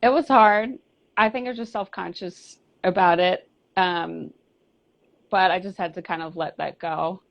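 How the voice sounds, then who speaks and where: Heard through dull, lo-fi audio, this band's singer and bassist chats openly as an interview guest. She speaks a little slowly in a fairly low, steady voice with vocal fry, wandering through fillers and restarts in a casual conversation.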